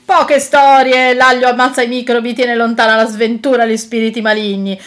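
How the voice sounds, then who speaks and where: A woman voicing a bossy, worldly old pirate captain in a storybook reading, loud and blustering. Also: a little high, lively intonation, normal speed, soft background music, lightly acted.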